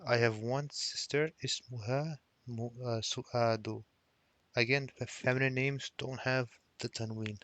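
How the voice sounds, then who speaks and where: A man's voice: mid-range voice, fairly even intonation, normal speed, a bit bright, no room sound. A man teaching a textbook Arabic lesson who reads each Arabic line, translates it, and explains the grammar patiently, often restarting his words. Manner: reads Arabic lines then translates them, with frequent restarts.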